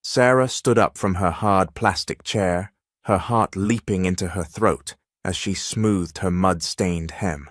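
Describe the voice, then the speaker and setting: A man reading a dramatic story as narrator in a steady, measured way. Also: low voice, no room sound, studio quality.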